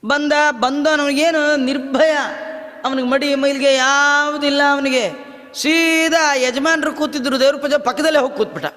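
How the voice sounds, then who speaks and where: A man giving a devotional discourse, telling stories in a lively way, chanting verses and acting out dialogue. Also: very high voice, moderate pace. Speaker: religious discourse speaker. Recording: long hall reverb.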